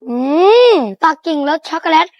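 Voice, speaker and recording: A woman's voice: moderate pace, no room sound, dull audio. A young woman acting in a comedy skit, cheeky and playful. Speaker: skit performer.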